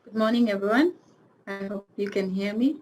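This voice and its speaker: A woman's voice: mid-range voice, moderate pace, a little mellow, poor audio. A woman with a Tanzanian accent giving an informal online presentation as a guest lecturer. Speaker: guest speaker, university cybersecurity lecturer. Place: video call.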